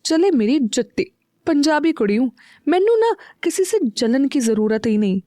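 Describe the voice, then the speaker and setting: Audio-story casting: a woman playing a fiery Punjabi young wife, indignant and higher-voiced. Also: moderate pace, no room sound, studio quality, lightly acted. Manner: huffy, indignant and sharp-tongued.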